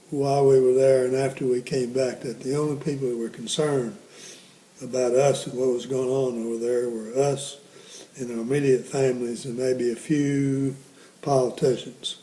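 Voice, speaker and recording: Mellow elderly American veteran, remembering. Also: male voice, mid-range voice, fairly even intonation, a little hiss or hum, poor audio. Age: 80s or older. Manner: old veteran remembering, halting and reflective. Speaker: Korean War veteran being interviewed. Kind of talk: reminiscing interview talk.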